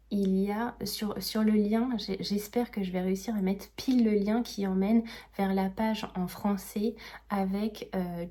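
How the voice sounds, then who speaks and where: A woman's voice: medium pitch, mellow. A French woman chatting casually in her knitting vlog, hesitant and full of fillers and restarts. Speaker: knitting vlogger.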